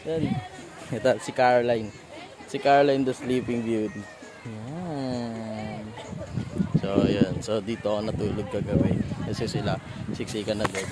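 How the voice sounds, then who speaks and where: A man's voice: on the low side, steady tone, unhurried, heavy background noise. A man vlogging casually at a beach resort, laughing and teasing friends. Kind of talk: casual travel vlog chat. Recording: crowd chatter behind.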